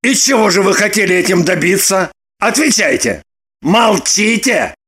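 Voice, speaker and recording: A woman voicing a hot-tempered, sarcastic grown man in an audiobook, prone to shouting outbursts. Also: lowish voice, big pitch swings, unhurried, breathy edge, exaggerated voice. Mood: suspicious. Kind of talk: audiobook character reading.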